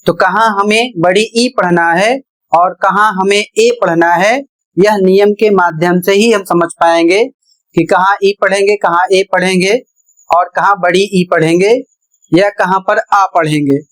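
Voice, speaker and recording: A man's voice: high voice, fairly bright tone, poor audio. Patient male teacher at a board. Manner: asks a question, then answers it himself; slow, patient and repetitive. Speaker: English teacher. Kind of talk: blackboard lesson.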